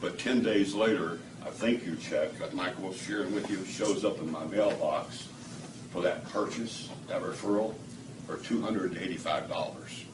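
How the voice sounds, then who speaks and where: In a deep voice at a moderate pace, a man tells an animated testimonial story to a small crowd indoors at a product demo. He acts out what people said and laughs often. Echo and background noise are audible, as the mic is at a distance.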